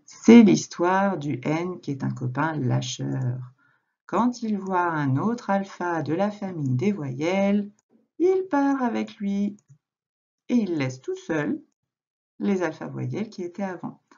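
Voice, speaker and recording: A woman teacher recording a reading lesson for a young child at home, speaking slowly and patiently, addressing the child directly. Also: lowish voice, expressive, vocal fry, dark tone, breathy edge, highs cut off. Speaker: primary school teacher.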